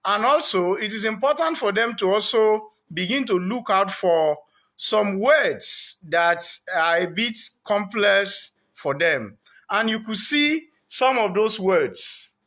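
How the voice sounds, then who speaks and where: A man running a reading programme, explaining literacy to parents in an earnest way, breaking words into parts and repeating them deliberately. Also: high voice, fairly bright tone. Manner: earnest, with frequent restarts.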